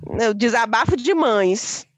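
A woman co-hosting a podcast in casual chat, expressive and exclamatory, speaking in quick bursts. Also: fairly high pitch, no echo. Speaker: podcast co-host.

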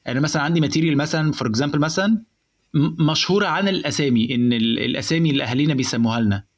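A young man with an Egyptian accent, explaining in casual chat how to build a stand-up joke, animated and mixing in English words. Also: fairly high pitch, rapid-fire. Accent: Egyptian Arabic.

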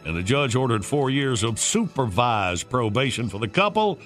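A man's voice: medium pitch, very animated, normal speed, fairly bright tone, soft background music. A man hosting a morning radio show with upbeat banter, talking to callers in a folksy, familiar way.

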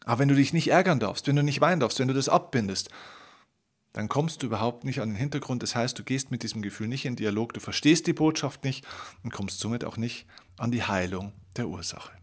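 A man's voice: mid-range voice, brisk, slightly rough. A man hosting a self-help podcast, talking earnestly and directly to the listener as a coach. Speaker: podcast host. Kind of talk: motivational self-help monologue.

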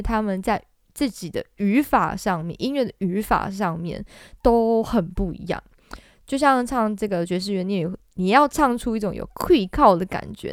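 A woman's voice: mid-range voice, clear, resonant tone, dry recording, clean studio sound. A woman, hosting a casual singing lesson in a playful, chatty way. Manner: playful, chatty, often laughs and demonstrates. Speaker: podcast host teaching singing.

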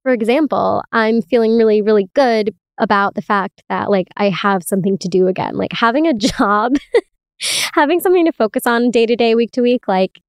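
A woman's voice: a little high, a little fast, clear, resonant tone, dry recording. A woman podcast host recording inside a closet, talking in an informal, confiding, giggly way in a casual solo chat. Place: inside a small closet with towels.

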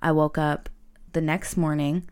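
A woman's voice: deep voice, little pitch movement, measured pace, darkish tone, clean tone. A middle-aged American woman chatting casually as a podcast co-host, blunt and slangy, swearing freely. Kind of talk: casual chat.

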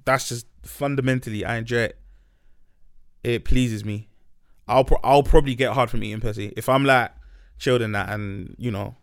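A man's voice: mid-range voice, fairly even intonation, moderate pace. A man with a London accent talking candidly and casually on a podcast, full of slang and repeated emphasis. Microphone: podcast microphone.

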